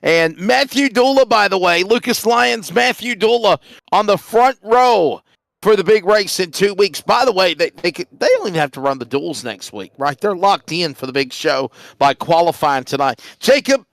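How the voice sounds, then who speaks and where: Male race host, teasing and chatty, gravelly and fairly high. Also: a bit bright, no echo, studio quality. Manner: teasing, chatty, laughs easily. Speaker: racing broadcast host. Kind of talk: casual race broadcast interview.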